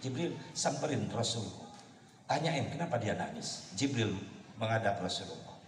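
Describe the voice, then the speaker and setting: A male preacher giving a humorous sermon at an evening religious gathering, moving between loud punchlines and hushed storytelling. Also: on the low side, expressive, moderate pace, a little hiss or hum. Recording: echoey hall, voice far off, faint ambience.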